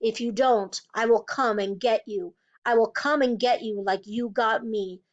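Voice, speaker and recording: A woman voicing a menacing ghostly man, speaking in a slow, commanding storybook manner. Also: fairly high pitch, steady tone, highs cut off, close to an everyday voice. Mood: ominous menace. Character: ghostly dead man writing in chalk, menacing.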